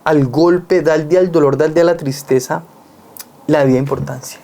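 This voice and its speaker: An earnest Colombian man speaks in a relaxed, reflective conversation, his tone mellow and warm. He works his points through with plain everyday examples. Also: a little high, normal speed, gravelly, a little hiss or hum.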